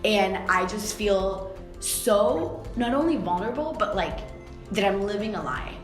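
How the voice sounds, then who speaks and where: A woman's voice: mid-range voice, animated, measured pace. A young adult woman from Costa Rica, a swimwear founder, speaking candidly and reflectively in a documentary interview, with many fillers. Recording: echoey room with music behind.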